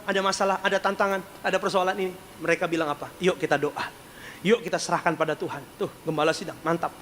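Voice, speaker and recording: A man's voice: high-pitched, fairly bright tone. A male pastor preaching in a joking, storytelling way and acting out the people he quotes, on a stage microphone in a large church hall. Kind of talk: sermon. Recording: long church-hall reverb, faint noise.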